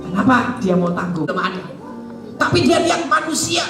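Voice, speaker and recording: A woman telling a Bible story to children at a Sunday school, lively and full of questions. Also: a little high, a little fast. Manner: lively, asks the children questions, acts out voices. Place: large echoing church hall. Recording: echoey hall from far off with music.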